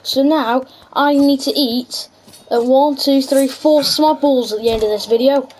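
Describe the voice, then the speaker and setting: A woman's voice: high voice, steady tone, measured pace, a little mellow, a little hiss or hum, rough recording. A woman giving chatty, casual gameplay commentary as host, reacting aloud to the game. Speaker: gaming video host. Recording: music behind the voice. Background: background music.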